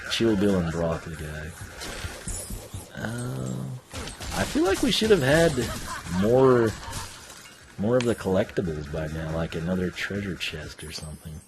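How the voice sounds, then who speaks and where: A man's voice: fairly low pitch, expressive, unhurried, vocal fry, music in the background. A man giving casual, rambling live game commentary as a streamer, thinking aloud in slangy speech.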